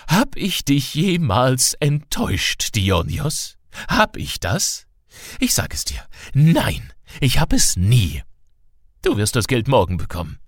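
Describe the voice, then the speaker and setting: A man voicing a flamboyant, excitable male dealer in an audiobook, with exaggerated, theatrical pleading. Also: mid-range voice, slow pace, dry recording, studio quality. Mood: indignant. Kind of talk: audiobook character reading.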